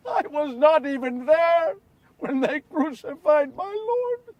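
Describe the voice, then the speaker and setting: A man performing Peter, a remorseful fisherman apostle, confesses in an earnest first-person stage monologue. His voice sits very high and husky. He swings from hushed regret to loud anguish, heard from a distance off the mic. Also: sing-song, unhurried, dry recording, muffled recording, exaggerated voice. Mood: self-reproaching.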